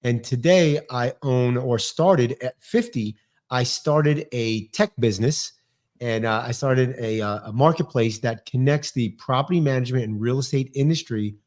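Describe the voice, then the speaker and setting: A New York-accented man in his fifties talks fast as a podcast guest in a casual interview chat. His middle-pitched voice is energetic and articulate, and his conversation is relaxed yet driven.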